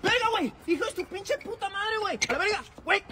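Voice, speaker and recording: A loud, foul-mouthed street guy with a Mexican accent, put on by a man. The voice sits very high and swings all over the place. Heavy traffic noise roars behind him. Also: expressive, fast talker. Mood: rowdy. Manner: cursing, rowdy.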